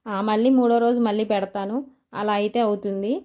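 Young female vlogger, soft-spoken and chatty, flat delivery, built-in mic. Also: medium pitch, brisk, muffled recording. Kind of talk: casual chat to viewers. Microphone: no microphone, phone or camera built-in mic.

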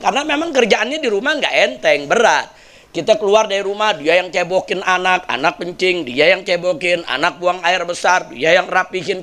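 A high, bright male voice preaches with lively storytelling energy. He often turns to the listeners as brothers, mixing humor into a moral lesson. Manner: animated, addresses listeners as brothers.

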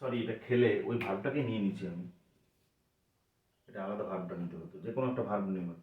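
A man's voice: fairly low pitch, fast talker. A man teaching an English grammar lesson, patiently asking questions and then answering them himself. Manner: patient, asks and answers his own questions. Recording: echoey room, voice from a distance, dull sound.

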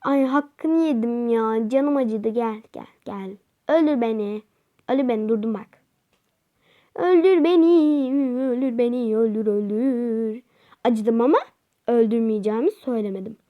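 A woman hosting her own gaming channel, giving chatty, excitable let's-play commentary and crying out during the game. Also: a little high, moderate pace, muffled recording.

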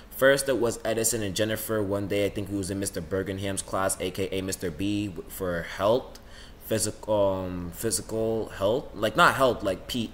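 Rambling teenage boy, low voice. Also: a little hiss or hum. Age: teens. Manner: rambling, says "like" a lot, lively swings in pitch. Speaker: student vlogger. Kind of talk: casual rambling monologue.

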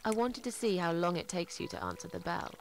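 A gravelly, defiant woman patient. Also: lowish voice, wildly swooping pitch, a little fast. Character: weary middle-aged woman patient, defiant. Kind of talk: video game voice acting. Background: game music.

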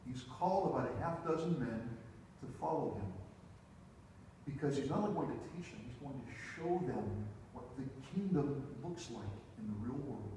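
A man's voice: a little high, darkish tone, slight background noise. A middle-aged man preaching a sermon as pastor, telling the story while he moves about the stage. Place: church sanctuary, large indoor room. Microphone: distant room mic, preacher away from the camera. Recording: echoey church hall heard from far off.

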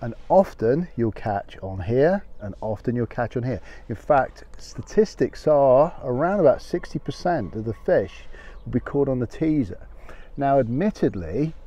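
A man in his fifties talks through his fishing gear in an easy, practical vlog style. His voice is dark and mellow. He is recorded outdoors on a lapel mic, and the sound is slightly dull and lo-fi. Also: medium pitch, animated, a little slow. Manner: chatty and practical, talks to camera. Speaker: fishing vlogger. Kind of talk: casual how-to explanation. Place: outdoor wooden deck by the sea.

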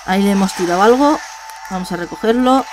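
A woman gamer with a Spain Spanish accent, giving let's play commentary; she gets excited, swears and repeats words. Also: mid-range voice, fast, background noise.

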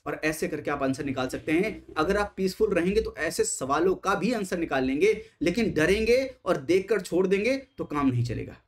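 A man's voice: a little high, lively intonation, normal speed, hardly any pauses. A man teaching exam strategy, speaking emphatically, asking rhetorical questions and mixing English terms into his Hindi.

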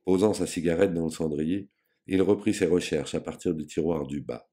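A man narrating an audiobook in a steady, measured storytelling manner. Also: low-pitched.

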